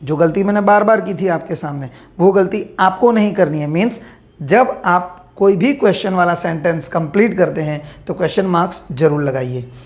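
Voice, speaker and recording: A woman teaching a grammar lesson, dictating example sentences slowly and asking questions she then answers herself. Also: lowish voice, a little mellow.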